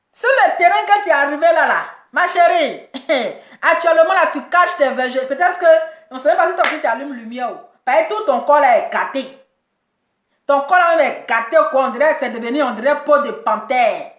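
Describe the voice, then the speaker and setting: Woman, high voice, mocking gossip commentator, repeats punchlines, echoey room. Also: fairly bright tone. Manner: teasing, repeats her punchlines, laughs often.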